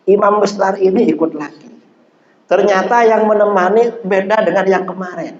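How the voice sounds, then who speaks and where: A middle-aged man preaching a sermon, telling stories and rising sharply in pitch to drive his points home. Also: moderate pace. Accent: Indonesian. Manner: animated storytelling, rising sharply for emphasis. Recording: echoey hall, dull sound.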